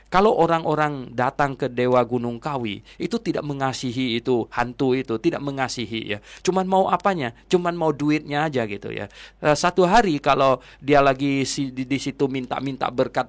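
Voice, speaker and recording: A man's voice: medium pitch, dry recording. An older man preaching a Bible sermon to listeners, earnest, dropping in frequent "ya" and "nah" fillers. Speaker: pastor. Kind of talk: radio-style Bible sermon.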